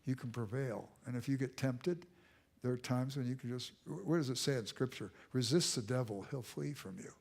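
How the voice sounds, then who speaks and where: This man's voice is medium-pitched, creaky, husky and darkish, moving at a moderate pace. He's a guest speaker lecturing in a church auditorium and fielding audience questions. His delivery is emphatic and repetitive, now and then sinking almost to a whisper.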